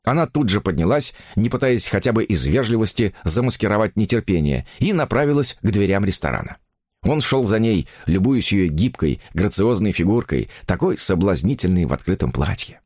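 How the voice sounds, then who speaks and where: Guy reading a novel aloud, calm but expressive, lively intonation, dead dry room. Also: fairly low pitch, moderate pace, no echo. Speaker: narrator. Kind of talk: audiobook narration.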